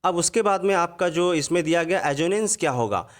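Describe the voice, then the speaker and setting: A man with a slightly high voice gives an online grammar lesson in Hindi. He explains patiently and drops into slow, careful reading whenever he quotes an English example. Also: expressive. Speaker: English teacher. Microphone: voice-over on slides.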